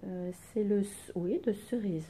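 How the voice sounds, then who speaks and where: A woman's voice: medium pitch, unhurried, dark tone, husky. A woman teacher giving a dictation to young children, spelling out letters and sounds and stressing each syllable.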